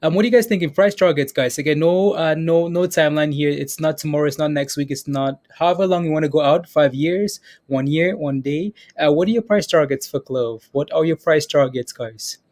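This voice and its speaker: His voice slightly raised, fairly high and a little mellow, a man runs a live market show at a brisk pace with hardly any pauses. He rambles, repeats himself while answering viewers and reading their names, laughs easily, and keeps checking in with his audience as a stock trading host.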